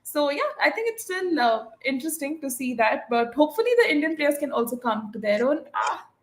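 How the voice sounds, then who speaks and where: A young woman co-host breaks down the game in a casual, thoughtful way. Her voice sits a touch high, and she fills pauses with "uh" and "you know" as she works through her points. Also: animated, heavy background noise. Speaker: cricket watchalong co-host and analyst. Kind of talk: casual cricket analysis.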